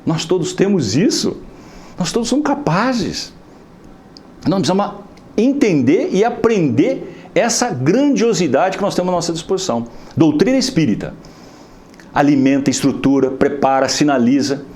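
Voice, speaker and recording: A man with a Brazilian Portuguese accent giving an inspirational lecture at a spiritist center, talking in a lively, conversational way full of tag questions. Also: fairly high pitch, moderate pace. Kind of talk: inspirational lecture with a humorous story.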